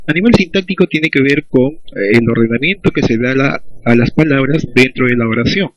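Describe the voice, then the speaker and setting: A teacher walks through a recorded language lesson step by step, often pausing to check in with a quick "¿sí?". His voice sits at an ordinary middle pitch for a man. The recording sounds dull and lo-fi. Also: slight background noise. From Peru. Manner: methodical, checks understanding with "¿sí?".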